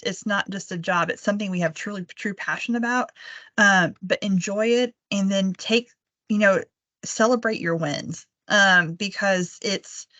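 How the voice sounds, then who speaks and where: A woman's voice: mid-range voice, fairly bright tone, no room sound. A woman who organizes fundraising events, talking casually and chattily with many fillers in a webinar over a video call. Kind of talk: webinar conversation.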